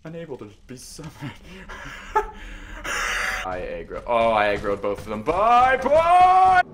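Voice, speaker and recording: A man giving let's play commentary, muttering quietly and then yelping, screaming and laughing when startled. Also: on the low side, lively intonation, normal speed, noisy background. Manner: quiet, mumbled asides between outbursts. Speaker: gaming channel host. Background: game music.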